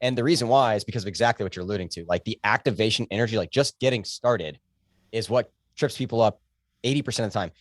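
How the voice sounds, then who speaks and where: A male physician talking as a podcast guest, quick and emphatic, with a joking streak. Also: fairly low pitch, no room sound, clean studio sound. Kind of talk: casual podcast conversation.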